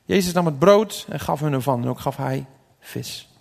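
A male preacher with a high, gravelly voice reads scripture aloud in a dramatic way, swinging from loud declaiming to hushed asides. His voice rings with a long echo, as if in a large church hall. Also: animated, normal speed. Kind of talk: sermon with Bible reading.

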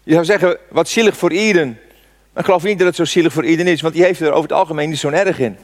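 A man's voice: on the high side, fast. A man in his sixties preaching a sermon, telling a personal story with fervent rhetorical questions. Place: church. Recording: long church reverb.

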